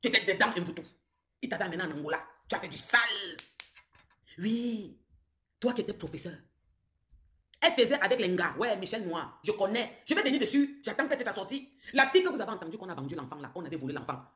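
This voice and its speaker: A woman's voice: medium pitch, expressive, fast, bright, forceful tone. A woman with a Cameroonian French accent, hosting a heated live-stream rant, accusing and taunting someone in a confrontational way. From southern Cameroon.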